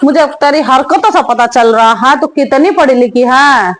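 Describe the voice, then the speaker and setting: A woman's voice: sits high, moderate pace, natural voice. A woman voicing a nagging, sarcastic older mother-in-law in a comedy skit, scolding and taunting.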